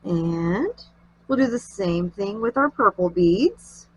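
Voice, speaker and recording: A woman's voice: medium pitch, expressive, takes it slowly, slightly rough, rough recording. Nasal, congested woman chatting through a craft tutorial. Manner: chatty, homey, talks while working. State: congested from allergies. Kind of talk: casual craft tutorial narration.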